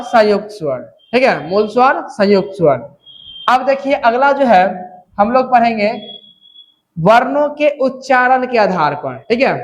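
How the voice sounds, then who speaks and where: A man teaching a Hindi grammar lesson, repeating key terms slowly and checking in often with the class. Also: very high-pitched, muffled recording. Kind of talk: classroom lecture.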